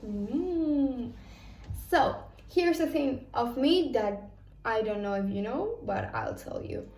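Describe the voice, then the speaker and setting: A woman's voice: a little high, expressive, slow, darkish tone. A young woman from Spain with a Spanish accent, chatting casually in a cooking vlog and repeating herself for emphasis. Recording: echoey room, a bit far from the mic.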